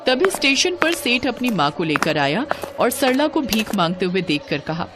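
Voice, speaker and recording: A woman narrating a scripted children's moral story in an expressive storytelling manner. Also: fairly high pitch, moderate pace, very noisy.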